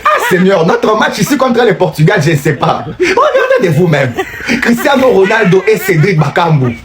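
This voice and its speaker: Male fan, high animated voice, laughing disbelief over a loud crowd. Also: normal speed. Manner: laughing, incredulous. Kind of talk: fan reaction.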